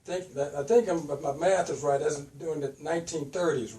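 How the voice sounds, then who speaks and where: A man's voice: a little high, steady tone, a little fast, mellow. A man interviewing older relatives in a folksy way, often restarting his questions. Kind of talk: casual family interview. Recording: roomy, distant mic.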